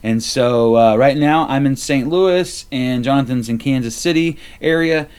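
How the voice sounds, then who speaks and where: A man who is a lead pastor, chatting easygoing and relaxed on a podcast recorded remotely. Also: mid-range voice, unhurried, smooth. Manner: easygoing, relaxed, laughs often. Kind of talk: casual podcast chat. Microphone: remote recording over the internet.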